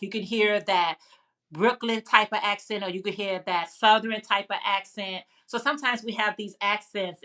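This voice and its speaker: A mid-range, bright voice with a forceful tone belongs to a woman with a Chicago accent hosting a casual livestream chat. She rambles chattily while answering viewer comments, often using fillers and restarting.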